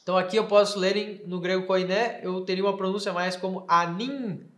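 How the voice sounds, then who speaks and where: A man teaching a lesson, carefully explaining and slowly sounding out words. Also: high-pitched, steady tone, fairly bright tone, echoey room. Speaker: Greek teacher.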